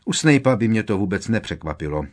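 A man's voice: fairly low pitch, sing-song. A man reading aloud, voicing a worried teenage boy wizard who speaks urgently and with emphasis.

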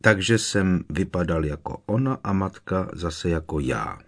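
A man voicing a young male prisoner who confesses in a flat, expressionless monotone. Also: low voice, vocal fry, full character voice. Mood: flat confession. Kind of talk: audiobook character voice.

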